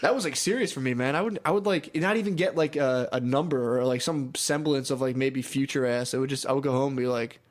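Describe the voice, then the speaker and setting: A man's voice: fast talker, few pauses. A man co-hosting a podcast, telling stories in casual comedic chat and breaking into whiny crying voices. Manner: animated storyteller, breaks into high whiny crying impressions. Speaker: podcast co-host.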